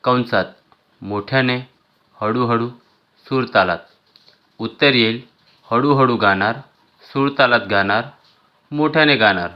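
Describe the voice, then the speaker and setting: A man teaching, reading textbook exercise questions and their answers aloud in a measured, item-by-item way. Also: mid-range voice, highs cut off. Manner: measured, listing answers one by one.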